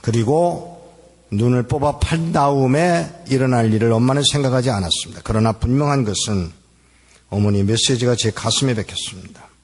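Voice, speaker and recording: A man's voice: medium pitch, brisk. A man in his sixties from Korea, preaching a sermon and telling a personal testimony, acting out remembered dialogue. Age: 60s. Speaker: pastor. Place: large hall at a church gathering. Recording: echoey hall with long reverb.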